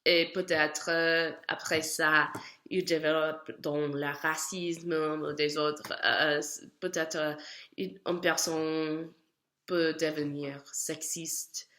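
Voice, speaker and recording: A young woman with an American accent, an English speaker, gives a spoken class reflection in French, halting and searching for words with many fillers. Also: deep voice, flat delivery, bright, forceful tone. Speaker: student.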